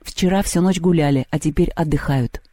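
A man's voice: fairly high pitch, moderate pace, warm tone, no room sound, clean studio sound, lightly acted. A man voicing a dim, eager young male guard who blusters about sacrifices in a storybook reading. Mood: blustering. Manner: blustering, dutiful.

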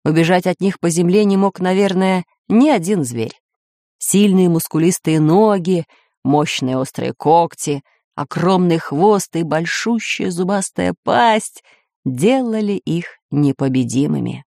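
A woman narrating a children's storybook with expressive, lively storytelling. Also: lowish voice, unhurried, gravelly, no room sound, studio quality.

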